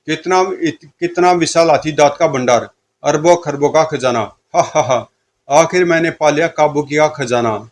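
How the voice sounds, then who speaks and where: A man's voice: on the high side, moderate pace, slight background noise, lightly acted. A man voicing a greedy, boastful male villain chief who mocks his enemies. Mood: gloating. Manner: boastful, mocking laugh.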